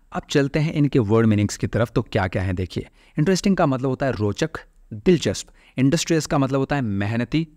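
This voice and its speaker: A man's voice: medium pitch, no echo, studio quality. A man teaching an English grammar class online, explaining step by step and drawing words out syllable by syllable. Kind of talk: online class lecture in Hindi.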